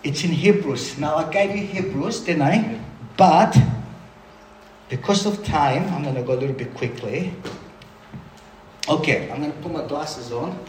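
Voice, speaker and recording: Animated man preaching in an echoey hall. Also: on the high side, measured pace, long pauses, a little hiss or hum. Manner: animated, conversational preaching with asides. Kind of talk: sermon. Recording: roomy hall sound with faint ambience.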